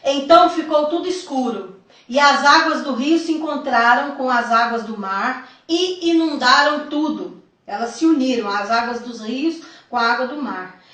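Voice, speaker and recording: A woman's voice: sits high, normal speed, a bit bright. A woman with a Brazilian Portuguese accent giving an earnest religious testimony as a missionary, addressing listeners as brothers. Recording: echoey, from far off the mic.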